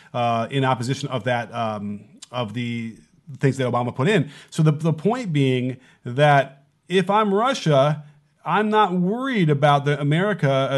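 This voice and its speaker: Brief: male co-host, casual political chat, halting delivery, ordinary mid pitch. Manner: halting, many fillers and restarts. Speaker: podcast co-host.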